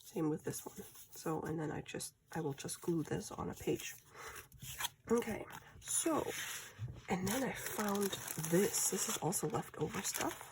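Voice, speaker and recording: A woman chatting casually through a craft project in a hushed, quiet voice that often slips toward a whisper, so as not to wake anyone. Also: fairly low pitch, animated, a little slow, background noise. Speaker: craft video host. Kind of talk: casual craft-along chat. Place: indoors at home, at a craft table.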